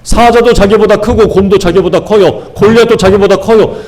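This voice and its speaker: A man's voice: high-pitched, fairly even intonation, fairly quick, a little mellow. A man pastor preaching a sermon. He keeps asking the congregation questions and acts out the lines he quotes.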